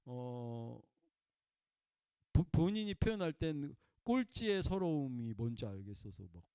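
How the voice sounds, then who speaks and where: A man preaching a conversational sermon in a folksy way, prompting listeners with "eh?" and swinging between loud emphatic bursts and quiet murmurs. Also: medium pitch, very animated, a little slow, clean tone, no echo, studio quality. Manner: folksy, peppers talk with prompting "eh?" to the congregation.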